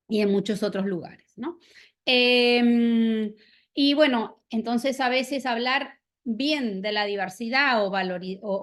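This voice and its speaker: Lady, middle-aged, kinda high voice, lots of eh's and restarts, academic talk. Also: fairly bright tone. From Argentina. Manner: thoughtful, hesitant, with many fillers and restarts. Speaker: academic speaker. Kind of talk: workshop talk.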